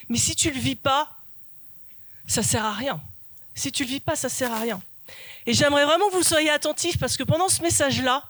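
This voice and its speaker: A woman's voice: high-pitched, fairly bright tone, no room sound. A woman pastor preaching a sermon in an earnest, emphatic way, repeating her key phrases. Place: church.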